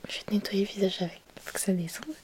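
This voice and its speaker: A woman in a whispered role-play, speaking in a soft, breathy whisper, quiet at night, gently soothing and reassuring the listener step by step. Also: mid-range voice, lively intonation, quick pace. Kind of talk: whispered role-play, ASMR bedtime pampering.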